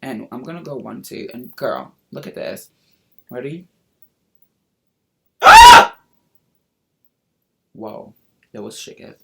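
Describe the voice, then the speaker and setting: A man's voice: medium pitch, lively intonation, moderate pace, gravelly. A man chatting casually through a makeup tutorial as a sassy drag queen, with campy slang and exclamations. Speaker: makeup vlogger and drag performer. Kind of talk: casual get-ready-with-me makeup tutorial chat.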